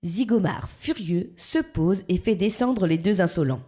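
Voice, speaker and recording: A woman narrating a children's story in a calm, even storytelling manner. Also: medium pitch, measured pace.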